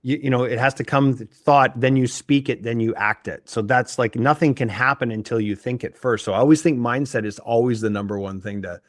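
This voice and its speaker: A man hosting a podcast interview, chatting casually and musing aloud in a relaxed, conversational way. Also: mid-range voice, brisk, few pauses, no echo, clean studio sound. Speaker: podcast host.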